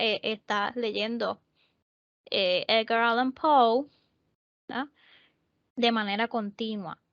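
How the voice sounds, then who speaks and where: Woman, Puerto Rican accent, English tutor, slow, patient, fairly high voice, dull lo-fi call sound. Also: a bit bright, no echo. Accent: Puerto Rican Spanish. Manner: patient, explains step by step, keeps checking with "¿verdad?". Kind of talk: online tutoring lesson.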